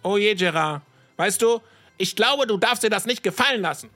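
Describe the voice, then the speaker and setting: A man's voice: high voice, lively intonation, moderate pace, pushed and bright, soft background music, exaggerated voice. A man voicing a friendly, encouraging character in a children's audio drama.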